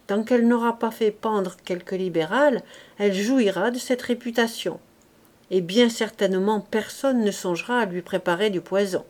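A woman reading the lines of a witty court duchess in a calm, ironic way. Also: medium pitch, moderate pace, lightly acted.

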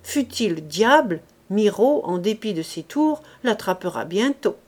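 A woman's voice: medium pitch, sing-song, measured pace, darkish tone. A woman doing a boastful village lord.

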